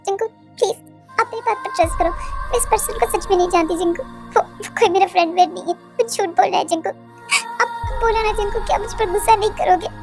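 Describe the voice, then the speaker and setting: A woman's voice: extremely high pitch, fast talker, music in the background. A woman voicing a frightened young heroine who pleads and stammers in a fan audio drama. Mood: tearful.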